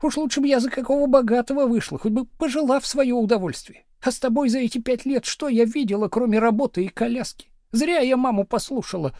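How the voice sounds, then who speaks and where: A man doing a shrill, scornful young wife. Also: fast, hardly any pauses, dry recording, studio quality. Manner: sharp, scolding, shouting at times.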